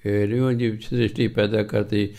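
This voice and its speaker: A man with a Punjabi accent preaching a Sikh scripture sermon, chanting verses slowly and breaking into lively rhetorical questions and acted-out everyday dialogue. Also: lowish voice, creaky.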